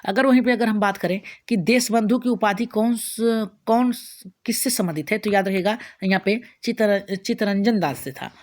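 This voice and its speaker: Woman drilling exam questions in Hindi. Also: medium pitch. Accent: Hindi, Bihar. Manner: repetitive question-and-answer drilling with frequent restarts. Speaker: teacher. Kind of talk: exam-prep quiz lesson.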